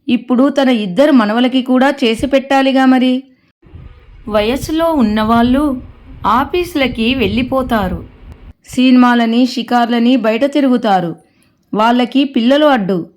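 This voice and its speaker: Telugu woman storyteller, high voice, pitying tone, narrating a family tale. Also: a little mellow. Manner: sympathetic storytelling, sighs of pity.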